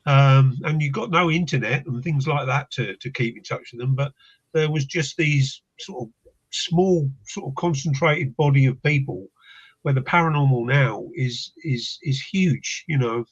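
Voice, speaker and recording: Unhurried and slightly rough, this mid-range male voice belongs to an older paranormal investigator from England. Chatting casually as a guest, he is thoughtful and halting, frequently starting his sentences over, and the lo-fi line sounds dull.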